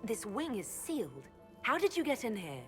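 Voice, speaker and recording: A woman's voice: fairly high pitch, wildly swooping pitch, moderate pace, soft background music. A woman playing a composed, authoritative female inquisitor in a video game, questioning and commanding, with long reverb on the voice. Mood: probing. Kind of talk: video game dialogue acting.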